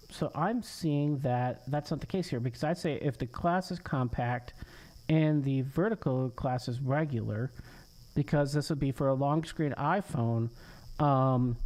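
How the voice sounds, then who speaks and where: A man's voice: medium pitch, darkish tone, low-quality recording. A man hosting a live coding stream, thinking aloud as he works, frustrated and cursing under his breath. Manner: frustrated, swearing, muttering to himself. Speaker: coding livestream host.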